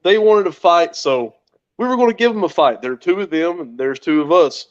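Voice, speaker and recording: A man's voice: on the high side, animated, a little fast, highs cut off. A man, a wrestler guest, answering questions in a matter-of-fact, confident way. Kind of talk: interview answers.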